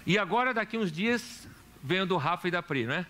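High bright pastor guy preaching in church, faint room hum behind, tells stories and quizzes the crowd. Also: animated, a little fast. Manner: storytelling preacher, asks the congregation questions. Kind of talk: sermon. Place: church hall.

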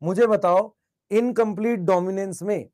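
A man's high, somewhat mellow voice carries a slight hoarseness as he runs an online biology lesson. He repeats questions and tells students to hurry with their answers in the chat.

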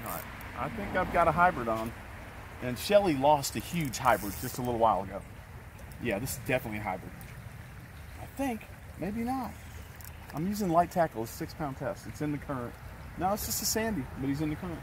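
A man's voice: fairly high pitch, big pitch swings. Easygoing man by a creek. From Texas. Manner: easygoing, chatty, coaching. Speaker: fishing vlogger. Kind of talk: casual outdoor vlog narration. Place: outdoors by a rocky creek. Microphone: handheld phone camera. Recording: phone audio with loud creek noise. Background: rushing creek water.

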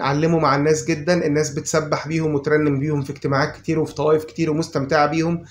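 A man's voice: a little high, a little hiss or hum. A man from Egypt with an Egyptian accent, chatting casually as he teaches a guitar lesson and thinks aloud while explaining. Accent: Egyptian Arabic. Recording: roomy, loud guitar behind. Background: loud guitar playing.

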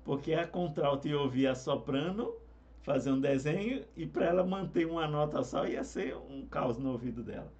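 A man, a singing teacher explaining harmony parts in a relaxed, conversational way. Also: a little high, moderate pace, lo-fi sound. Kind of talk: explaining vocal harmony with sung examples.

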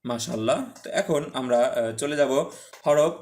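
A young man gives an online Quran recitation lesson. He explains each letter form patiently and step by step, often pausing with filler sounds. He checks in with his students as he goes. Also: mid-range voice, a little mellow. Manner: chants Arabic words slowly and drawn out.

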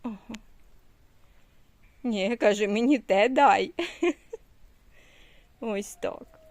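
A woman's voice: medium pitch, extremely slow, a little mellow, dry recording. A woman in her sixties from Ukraine, a grandmother vlogging at home with her family and coaxing a toddler in sing-song baby talk. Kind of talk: casual home vlog.

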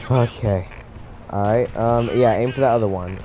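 A man commentating his own war-shooter playthrough, joking and rambling and yelling repeated taunts at enemies. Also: medium pitch, normal speed, a little hiss or hum. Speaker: gamer playing a war shooter. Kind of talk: let's play commentary. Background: game soundtrack and gunfire.

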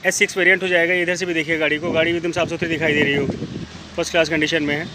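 A man gives a brisk, repetitive sales pitch while walking around cars on an outdoor lot, filming on a handheld phone. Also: little pitch movement. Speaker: used car dealer. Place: outdoor used car lot. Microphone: handheld phone camera. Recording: faint outdoor street noise.

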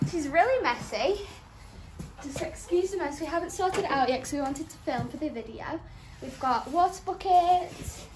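A high-voiced young woman chats her way through a tour of a horse barn. She rambles along with plenty of fillers. A phone picks her up with noise clearly audible behind her. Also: moderate pace. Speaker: vlogger showing her barn. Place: outdoor horse barn and stables. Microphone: phone camera held nearby. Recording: phone video with background noise.

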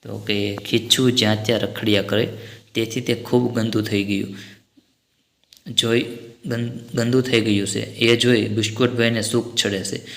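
Lower-voiced male teacher in an echoey room. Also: level tone, unhurried, gravelly. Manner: patient, step-by-step explaining to children. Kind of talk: workbook lesson explanation. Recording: roomy echo.

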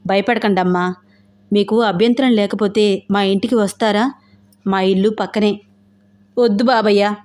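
An agitated young man who won't let things go, firing off questions, read by a woman narrator in a middle-pitched voice. he presses hard, protective and indignant, in a storybook audio drama. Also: steady tone, measured pace, long pauses, a little mellow, lightly acted. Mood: gentle. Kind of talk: audio novel dialogue.

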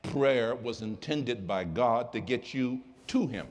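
A male pastor preaching a sermon, swinging from quiet asides to impassioned shouts. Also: mid-range voice, slow pace.

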